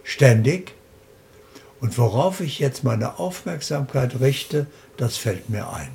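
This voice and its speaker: A man with a gravelly edge to his voice talks in a slow, deliberate way, setting out his ideas as a list. There is a faint hiss behind him. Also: medium pitch, lively intonation, a little mellow. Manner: slow, deliberate, explaining in lists. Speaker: interview guest. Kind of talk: calm spiritual interview talk.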